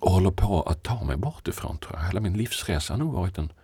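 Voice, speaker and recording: A man's voice: low voice, lively intonation, dark tone, slightly rough, no room sound. A poet being interviewed, a man talking in a thoughtful, musing way and laughing often. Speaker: poet, podcast guest. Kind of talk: reflective conversation.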